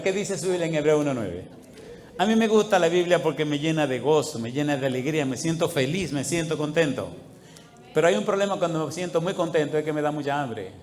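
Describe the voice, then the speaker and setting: A male pastor preaching a sermon, firing questions at the congregation and swinging between loud appeals and hushed asides. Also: fairly high pitch, a little fast.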